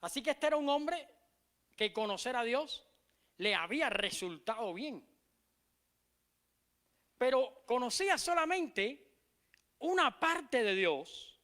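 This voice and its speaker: A middle-aged Cuban pastor, speaking with a Cuban Spanish accent, preaches emphatically and repeats key phrases. Now and then he drops into soft, low asides.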